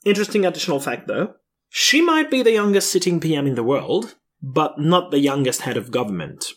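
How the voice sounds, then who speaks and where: A man's voice: on the high side, big pitch swings, a little fast, a bit bright. A man in his late thirties co-hosting a podcast, chatting casually and explaining a news story with frequent laughs. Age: 30s. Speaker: podcast co-host.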